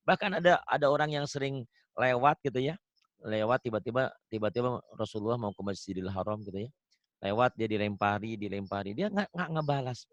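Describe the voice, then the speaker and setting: A man teaching the Quran online, chanting verses slowly and melodically, then explaining them in an animated, emphatic way. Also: medium pitch, no echo, highs cut off. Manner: animated, emphatic storytelling with rising bursts of emphasis. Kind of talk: Quran recitation and religious teaching. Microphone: video call.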